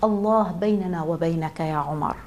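A woman's voice: on the low side, brisk, a little mellow, lightly acted. A woman storyteller voicing a poor, weary mother stranded in the cold, speaking plaintively and with reproach.

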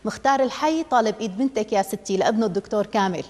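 A woman's voice: mid-range voice, animated, rapid-fire, darkish tone, natural voice. A woman voicing a stern, domineering middle-aged father who speaks with anger and scorn. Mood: angry, scornful. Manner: angry, scornful, raised voice. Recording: long hall reverb.

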